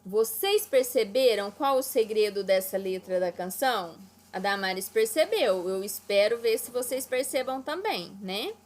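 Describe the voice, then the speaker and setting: A primary school teacher with an animated, mid-range voice guides children through exercises in an online class. She speaks at a measured pace, stays patient, and checks in with them often.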